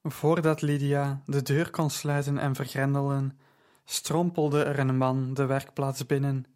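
A man narrating an audiobook story in a measured, even storytelling manner. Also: mid-range voice.

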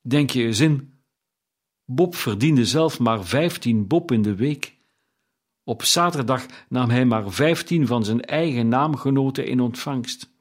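A man narrating a classic tale as an audiobook in a measured storytelling manner. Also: medium pitch, lively intonation.

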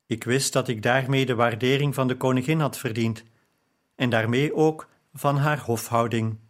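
A man narrating an audiobook in a steady, measured first-person delivery. His voice sits at an ordinary middle pitch for a man, unhurried and even.

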